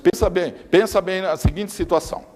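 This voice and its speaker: A man's voice: sits high, moderate pace, a little mellow. A man giving an emphatic lecture, often repeating words for stress. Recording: long reverb of a hall.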